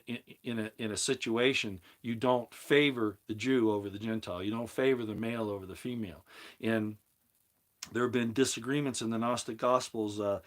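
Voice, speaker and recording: Rambling man reading chat aloud. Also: lowish voice. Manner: rambling, restarts mid-sentence, reads chat comments aloud. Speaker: livestream host answering chat. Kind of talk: casual livestream talk on scripture.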